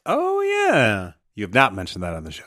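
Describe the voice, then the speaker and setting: Male co-host, animated pitch, quick to laugh, dry sound. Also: no room sound. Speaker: podcast co-host. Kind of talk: casual podcast chat.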